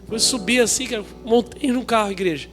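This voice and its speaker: A young Brazilian pastor with a notably high voice tells a story from the pulpit, acting out the dialogue as he goes. Soft music plays faintly behind him. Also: a little fast. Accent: Brazilian Portuguese. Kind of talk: sermon storytelling.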